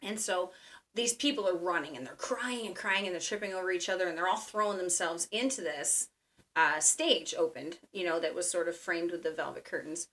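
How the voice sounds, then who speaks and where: A woman guest recounts a recurring dream of hers in a chatty, conversational way, full of fillers. She speaks fairly quickly in a fairly low voice that's a bit bright.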